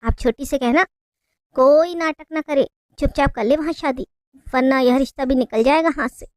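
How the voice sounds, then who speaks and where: A bossy elder brother laying down the law, curt and dismissive, as a woman narrator puts him on. The voice stays high and close in this storybook telling, with a dry sound. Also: moderate pace, a little mellow, no room sound, close to an everyday voice. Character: bossy domineering elder brother, middle-aged man.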